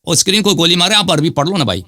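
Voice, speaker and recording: Debate host, male, bright voice, lively pitch, pushy and repetitive. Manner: insistent, repeats demands, accuses the caller of lying. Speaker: host of a live debate show. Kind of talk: heated live debate.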